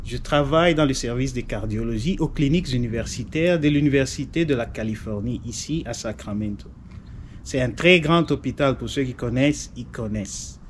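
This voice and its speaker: Congolese guy in his 40s, slow careful talk, lots of ums, faint noise behind. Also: mid-range voice. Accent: Congolese French. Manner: measured, hesitant with fillers. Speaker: interview guest, doctor. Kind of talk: casual interview.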